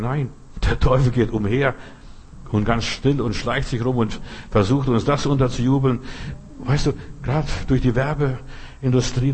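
Husky-voiced man preaching earnestly. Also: mid-range voice, darkish tone. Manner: earnest, exhorting, addresses listener directly. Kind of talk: sermon.

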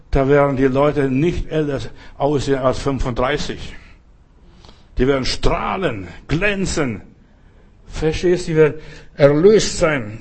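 A man's voice: fairly high pitch, breathy edge. A man preaching a fervent sermon as a pastor, speaking straight to the listener.

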